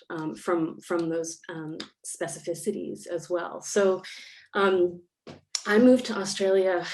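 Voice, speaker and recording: Her voice is fairly low-pitched and a little mellow as this Canadian woman, an arts researcher, contributes to a panel discussion. She joins by video call from a home or office in Melbourne and speaks thoughtfully, using many fillers.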